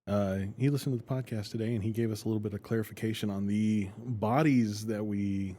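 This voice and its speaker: A man's voice: lowish voice, steady tone, brisk, dark tone. A man with a Texan accent co-hosting a casual podcast chat, laughing often and teasing, his voice a little worn. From Texas. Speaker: podcast co-host.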